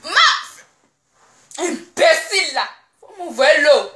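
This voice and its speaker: A young woman playing a moody, demanding pregnant wife in a comedy sketch, scolding with rapid-fire questions. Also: high-pitched, big pitch swings, bright, forceful tone, exaggerated voice. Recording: echoey room.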